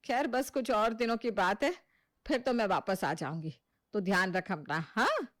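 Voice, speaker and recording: A woman's voice: medium pitch, lively intonation, normal speed, fairly bright tone, no echo, clean studio sound, lightly acted. A woman voicing an older, caring but gossip-prone mother-in-law in a cartoon story. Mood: concerned.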